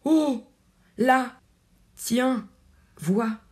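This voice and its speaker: A woman's voice: fairly high pitch, extremely slow, breathy edge, pitched above the performer's own voice, exaggerated voice. A woman reading the part of a tongue-tied young male soldier in love, pleading and often whispering.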